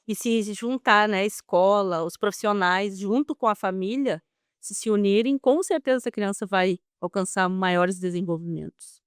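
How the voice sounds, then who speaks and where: A woman's voice: medium pitch, moderate pace, clear, resonant tone, no echo, studio quality. A woman guest speaking earnestly and emphatically about inclusion in an interview. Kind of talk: interview answers.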